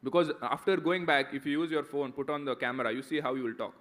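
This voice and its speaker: This guest speaker, an Indian man roughly thirty years old, talks fast in a mid-range, fairly bright voice. At a motivational session with Q&A, he responds to students conversationally, regularly ending points with "right?"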